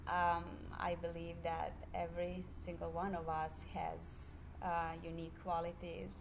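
Interviewed indoors in a classroom, this Serbian high school history teacher, a middle-aged woman, holds a handheld mic. Her tone stays level as she talks earnestly and deliberately, pausing often. Background noise can be heard.

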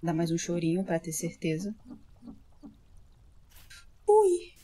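A woman's voice: medium pitch, normal speed, darkish tone. A woman talks through a horror game as she plays it. She is jumpy, swears constantly and lets out startled yelps at every scare. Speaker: gamer streamer. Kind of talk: horror game let's play commentary.

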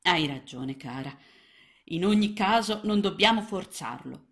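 A good-natured father frog from a storybook, who speaks calmly and reassuringly in a lowered voice, as a woman narrator puts him on. He is steady and kind, the reasoning half of the frog couple. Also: a little slow. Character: good-natured male frog, husband and hunter.

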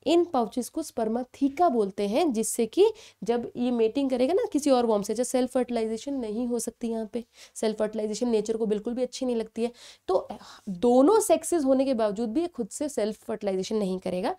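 A woman's voice: a little high, a little fast, mellow. A young woman teaching an exam-prep biology lecture, explaining step by step, asking students questions and checking in often.

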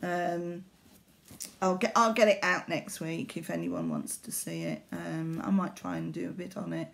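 Speaking at a moderate pace, this middle-aged woman has a lowish, creaky voice and a very animated delivery. She's a needlework vlogger rambling hesitantly and casually to camera, recorded at arm's length indoors in a small living room.

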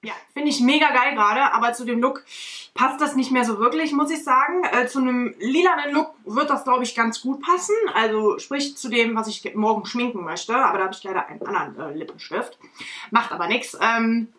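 A woman's voice: a little high, brisk, pushed and bright. A young woman chatting casually through a makeup tutorial, rambling with lots of fillers, filmed by a camera at desk distance at home. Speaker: beauty vlogger. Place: bedroom or home studio, indoors.

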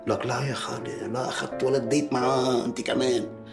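A man's voice: medium pitch, steady tone, fast, creaky, natural voice. A man in a dubbed TV drama, talking earnestly and pleading. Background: music score.

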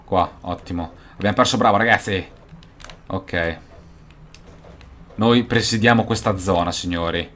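A young man with a low voice commenting over his own gameplay, excitable and quick to swear and shout. He talks at a desk mic with a faint hiss behind him. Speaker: gaming youtuber.

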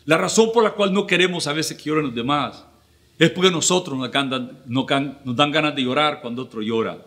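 A middle-aged man, preaching an earnest, measured sermon with pauses as pastor. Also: on the high side, a bit bright. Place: church livestream.

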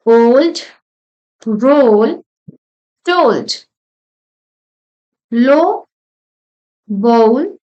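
A woman teaching English pronunciation, saying words one at a time in slow, deliberate drills with short explanations. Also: sits high, darkish tone. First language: Marathi. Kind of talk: pronunciation lesson reading word lists.

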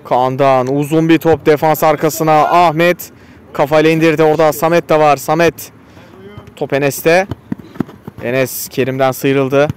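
A man's voice: a little high, a little slow. A man giving live football play-by-play in short, clipped phrases naming players, raising his voice for shots and goals. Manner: raises voice excitedly at shots and goals. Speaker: football commentator.

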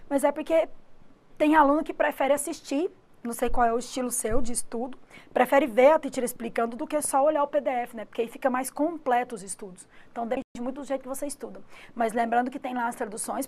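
A woman's voice: sits high, a little mellow, a little hiss or hum. A Brazilian woman teaching an English grammar lesson online, explaining step by step and checking in with frequent tag questions. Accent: Brazilian Portuguese. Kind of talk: online exam-prep lesson.

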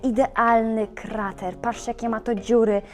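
A woman hosting a plant shop video, talking in a playful, chatty and animated way. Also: fairly high pitch, measured pace. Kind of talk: casual video presenting plants.

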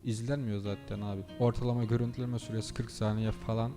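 A man's voice: fairly low pitch, flat delivery, fast talker, music in the background. A tired young man hosting a gaming channel, chatting casually while he plays and grumbling at the traffic, swearing under his breath. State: tired, low on energy. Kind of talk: casual gameplay commentary.

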